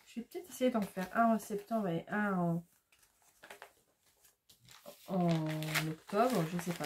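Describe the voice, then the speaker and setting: A woman's voice: mid-range voice, a little hiss or hum. A woman hosting a craft video, chatting casually with many fillers as she shows her supplies. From France. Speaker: craft channel host. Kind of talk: casual chat showing crafts.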